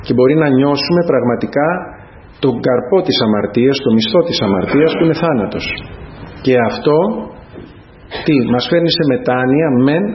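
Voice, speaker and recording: A man preaching a sermon to a congregation, speaking earnestly and addressing them again and again as brothers. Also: a little high. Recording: dull lo-fi sound with faint noise.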